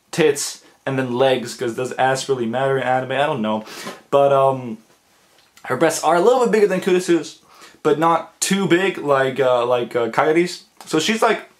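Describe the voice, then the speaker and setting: A man talking casually to his viewers, stammering and repeating words with lots of fillers, getting emphatic and crude in his slang. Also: mid-range voice. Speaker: anime vlogger. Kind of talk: casual ranking monologue to camera.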